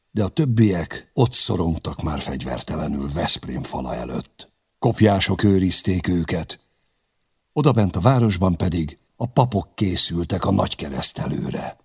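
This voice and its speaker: A man's voice: low voice, darkish tone, husky. A man narrating a historical novel as an audiobook, in a dramatic storytelling manner.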